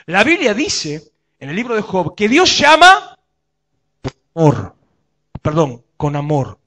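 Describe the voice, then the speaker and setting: A man's voice: high voice, wildly swooping pitch, takes it slowly, pushed and bright. A male pastor with a Rioplatense Spanish accent preaching a sermon and asking his congregation questions.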